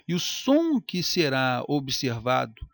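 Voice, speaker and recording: Lively teacher drawing out words. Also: male voice, medium pitch, gravelly, no room sound, studio quality. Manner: lively, stretches out example words slowly. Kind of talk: recorded grammar lecture.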